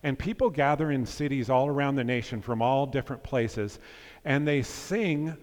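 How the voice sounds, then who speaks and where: A man's voice: mid-range voice, normal speed, darkish tone. A man as a pastor, preaching a sermon in an earnest, conversational way with playful asides, in a church sanctuary. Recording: long hall reverb.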